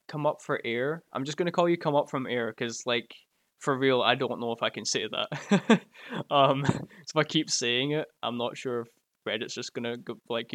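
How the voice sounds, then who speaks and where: A man's voice: mid-range voice, fairly bright tone, dry recording. A Scottish man with a Glaswegian accent, chatting casually on a live stream in his home, joking and laughing often into a close microphone. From Scotland. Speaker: live streamer reading chat. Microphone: close mic right in front of the mouth.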